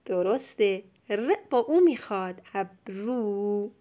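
A woman teacher giving a dictation lesson to young pupils, sounding out words slowly syllable by syllable in a patient, encouraging way. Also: mid-range voice, a little mellow.

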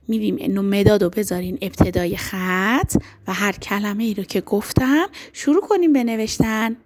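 A woman teacher leading a dictation lesson for young boys, affectionate and encouraging, drawing out letters and words slowly. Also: medium pitch, a little mellow. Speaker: primary school teacher.

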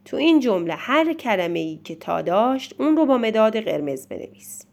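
A woman teaching a spelling lesson, reading words and sentences slowly and clearly, one word at a time, for a child to write down. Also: fairly high pitch, sing-song. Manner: slow, clearly spaced word-by-word dictation.

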